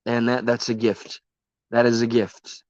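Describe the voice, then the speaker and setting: A livestream host chats casually with his viewers, rambling, passionate and swearing often, his voice worn from talking so long. He speaks at medium pitch with a completely flat, unhurried delivery that's a little mellow. There's no echo, but the recording is muffled.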